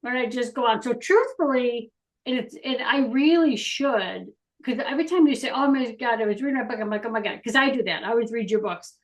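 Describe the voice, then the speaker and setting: A woman's voice: fairly high pitch, brisk. A woman co-hosting a casual talk show, rambling and laughing easily, with filler sounds like "da, da, da.". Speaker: co-host. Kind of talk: casual chat.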